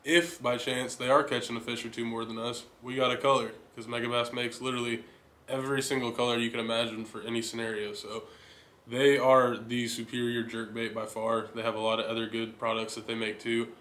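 A young man hosting a fishing channel, giving a steady, enthusiastic rundown of his lures in a casual chat. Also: mid-range voice, brisk. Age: young adult. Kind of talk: casual gear talk to camera. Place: indoor living room.

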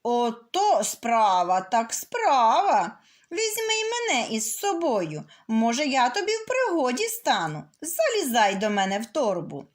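Greedy storybook wolf, male, slow and drawn out, done by a woman narrator. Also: fairly high pitch, huge pitch swings.

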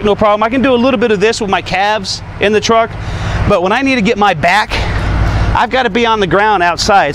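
A middle-aged man with a fairly high voice talks casually to a camera at a few feet. He's outdoors in a truck lot, and engine and traffic noise carry clearly behind him. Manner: chatty, repeats "you know what I mean". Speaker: trucker vlogger. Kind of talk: casual show-and-tell. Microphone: camera mic at a few feet.

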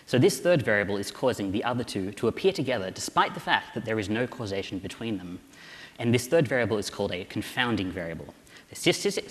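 Fast-talking man giving a playful keynote. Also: fairly low pitch. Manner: playful, jokey, rhetorical questions. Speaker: conference keynote speaker. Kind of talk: lively conference talk. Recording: long hall reverb.

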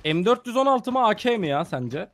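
A man's voice: high-pitched, sing-song, a little fast, heavy background noise. A young man playing a game with a friend, teasing him and cracking mock-serious jokes. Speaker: guest gamer. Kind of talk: casual gameplay chat with a friend.

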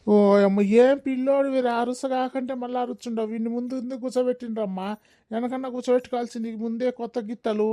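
A woman's voice: on the high side, steady tone, racing, natural voice. A woman playing a busy village bullock-cart driver, calling to the bullocks and scolding the children in a comedy skit. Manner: shouts calls at bullocks, chides the children.

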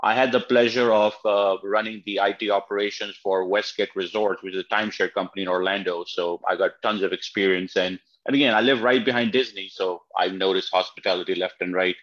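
A man's voice: low-pitched, fairly even intonation, fairly quick, few pauses, a bit bright, muffled recording. A man in his thirties from Pakistan asks a two-part question on a webinar, politely and with plenty of fillers. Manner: polite, rambling, many fillers. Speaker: audience member asking a question.

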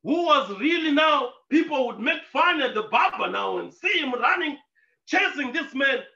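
A man preaches a storytelling sermon, punching his points with rhetorical questions and bursts of shouting. His voice is high and forcefully bright. The recording is echoey and dull, lo-fi church audio. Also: lively intonation, moderate pace, gravelly, distant mic. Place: church hall.

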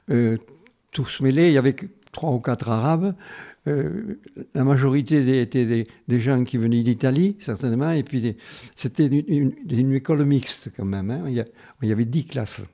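Older man, nineties, southern French accent from Carmaux. Retired teacher reminiscing, halting yet emphatic, mellow tone. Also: mid-range voice. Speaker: retired schoolteacher. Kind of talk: reminiscing interview.

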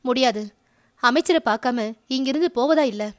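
A man's voice: very high-pitched, moderate pace. Woman voicing a defiant male protest leader. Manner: defiant, insistent.

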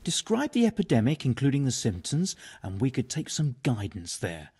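A man's voice: mid-range voice, huge pitch swings, normal speed, background noise. A male actor playing a learned medieval monk in a video game, speaking in a bookish, precise, dry manner. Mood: studious. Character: learned, matter-of-fact medieval monk physician. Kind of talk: video game dialogue acting.

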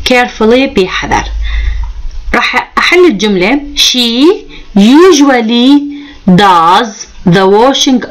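An Iraqi woman teaching English grammar for an exam, with an even, mid-pitched voice. She talks her students through each example patiently and keeps checking in with "okay". Whenever she reads the English sentences, she slows right down and says them clearly. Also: poor audio. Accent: Iraqi Arabic. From Iraq. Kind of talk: exam-prep lesson explaining grammar.

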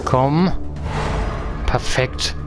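A man's voice: mid-range voice, very slow. Man casually commentating over game music. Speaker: let's player.

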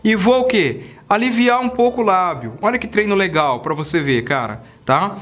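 A man's voice: high-pitched, very animated, moderate pace, a bit bright. A man, teaching saxophone in a casual video lesson, chatty and constantly checking in with the viewer. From Brazil. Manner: chatty, checks in often with "tá?" and "cara".

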